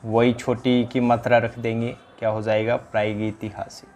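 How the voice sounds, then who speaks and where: A man's voice: medium pitch, level tone, moderate pace, a little mellow, a little hiss or hum. A man with a Rajasthani accent teaching an exam-prep grammar lesson, drilling each answer by asking the question again and addressing his students as companions.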